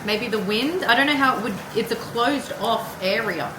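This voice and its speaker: Speaking at a moderate pace in a slightly high voice, this woman rambles casually through a tarot reading, tossing in personal comments and now and then a curse. She is a tarot card reader, recorded in an echoey room where background noise comes through clearly.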